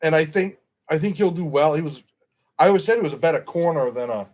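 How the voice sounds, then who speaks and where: A middle-aged stream host talks fast and expressively in a fairly high voice, rambling through opinionated football chat and often correcting himself.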